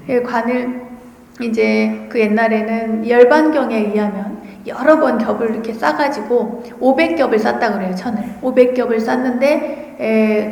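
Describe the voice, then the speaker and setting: A woman's voice: a little high, a little mellow. A woman, a Buddhist nun, giving a dharma talk and telling a story, asking her audience questions as she goes. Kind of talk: sermon. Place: large temple dharma hall. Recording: echoey hall with long reverb.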